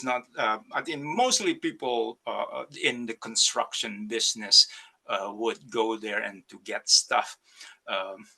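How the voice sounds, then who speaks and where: This ceramic artist from Indonesia presents slides in an online artist talk, hesitating and restarting often amid many fillers. His voice is lowish, bright, and forceful with vocal fry, captured in a rough recording.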